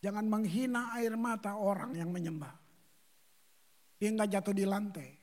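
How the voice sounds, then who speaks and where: With a high voice and moderate pace, a male pastor preaches a sermon through slangy, animated storytelling, acting out the people in his stories.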